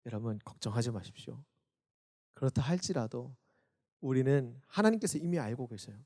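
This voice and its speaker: A man, a youth pastor, preaching a Sunday sermon for an online service; he acts out quoted voices, rising loud and then dropping soft. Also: medium pitch, expressive, fairly quick.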